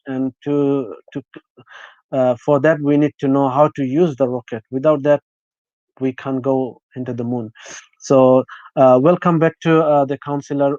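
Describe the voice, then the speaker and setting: A man from Bangladesh, hosting an interview in a halting way, with many fillers and restarts. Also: medium pitch, a little mellow, no room sound. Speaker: host. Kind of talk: casual interview chat. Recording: dry, slightly muffled audio.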